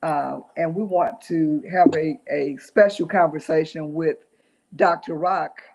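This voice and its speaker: A woman hosting an interview, speaking haltingly with many fillers and restarts. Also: low voice, steady tone, vocal fry, darkish tone. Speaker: interview host. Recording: dull lo-fi sound.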